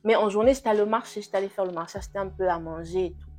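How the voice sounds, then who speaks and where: A woman's voice: mid-range voice, very fast, soft background music. A young woman from Gabon, sharing a candid personal faith testimony, hesitant and full of restarts. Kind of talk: personal testimony, casual talk.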